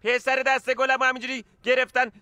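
An actor playing a boisterous, bossy wedding-singer friend who takes over the wedding plans. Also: male voice, extremely high pitch, little pitch movement, clear, resonant tone, no echo, exaggerated voice. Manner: loud, bossy, cheerful.

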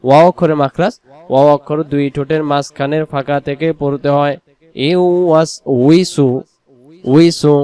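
A man teaching correct pronunciation word by word, drawing out slow syllables and repeating each word. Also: fairly high pitch, fairly even intonation, a little mellow, smooth. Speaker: Quran recitation teacher.

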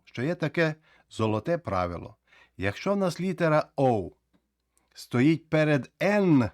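A man teaching English pronunciation, slowly drawing out example words as he explains rules. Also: mid-range voice, dry recording, clean studio sound. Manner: slow, drawn-out demonstration of example words.

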